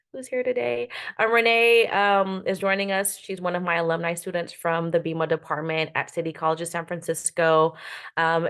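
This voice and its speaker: A woman's voice: mid-range voice, fairly bright tone. A woman who is a media professor, giving an online workshop presentation over a video call in an upbeat, emphatic way, often checking in with "right?" and "okay?".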